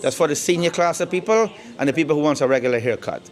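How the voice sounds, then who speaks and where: In his indoor barbershop, a middle-aged man from Guyana gives a casual interview, talking fast in a slightly high voice with a Guyanese accent. He comes across easygoing, repeating words and sprinkling in "you know".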